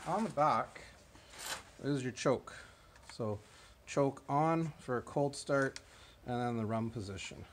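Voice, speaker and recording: A man's voice: medium pitch, a little hiss or hum. A man casually demonstrating a small generator in a barn workshop, explaining in a plain, matter-of-fact way with fillers. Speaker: equipment seller demonstrating a generator. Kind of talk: casual product demo. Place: indoor barn or workshop with concrete floor.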